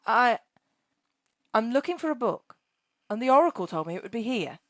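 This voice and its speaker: A woman's voice: sing-song, moderate pace, a bit bright, dry recording. A woman doing a scared scrawny boy. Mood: nervous. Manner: high, earnest, nervous. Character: scrawny, frightened young boy, a lost heir. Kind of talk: storybook reading.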